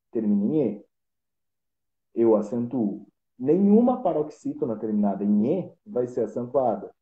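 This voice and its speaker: A man, a Portuguese teacher patiently explaining grammar rules step by step with examples in a casual lesson. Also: lowish voice. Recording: roomy, dull lo-fi live stream audio.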